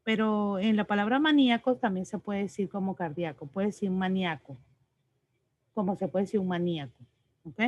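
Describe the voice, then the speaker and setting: A woman's voice: mid-range voice, fast, hardly any pauses, a little mellow, slight background noise. A woman teacher explaining spelling and pronunciation rules to her class, patient and explanatory, often checking in with "ok?". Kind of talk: online class lecture. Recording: slightly dull lo-fi audio.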